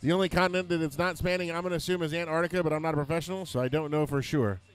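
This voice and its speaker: Male derby announcer, slightly high voice, wisecracking, reads schedules and scores. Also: steady tone, rapid-fire. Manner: joking, rattles off lists of dates and places. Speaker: play-by-play announcer. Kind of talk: roller derby commentary.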